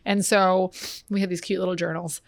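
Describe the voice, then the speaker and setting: A woman who owns a fitness gym, a guest on a podcast, talking in an energetic, wordy, casual way with plenty of fillers. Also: lowish voice, no room sound. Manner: energetic, wordy, fast storytelling with lots of fillers. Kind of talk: casual conversational interview.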